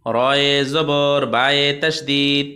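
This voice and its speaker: A man with a Bangladeshi Bengali accent teaching a Quran reading lesson, spelling out each letter and vowel mark before reciting the joined words slowly. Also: medium pitch, little pitch movement. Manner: softer, quicker asides to students between drills. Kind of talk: slow step-by-step recitation lesson.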